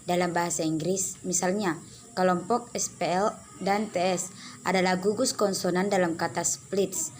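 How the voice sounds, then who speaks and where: A young woman presenting a phonology lesson as a student, reading steadily and slowing down on English example words. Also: fairly low pitch, fairly even intonation, slight background noise.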